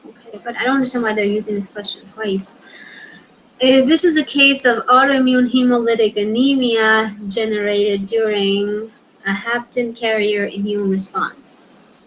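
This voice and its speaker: A woman's voice: on the high side, steady tone, a little slow, fairly bright tone, slight background noise, poor audio. A young woman reviewing exam questions, reading answer explanations aloud and muttering short asides to herself as she works them out. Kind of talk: thinking aloud while studying.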